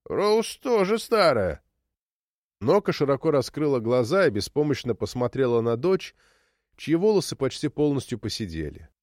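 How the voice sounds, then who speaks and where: A man reading a story aloud as narrator in an expressive storytelling delivery. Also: mid-range voice, brisk, no echo, clean studio sound. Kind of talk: scripted narration.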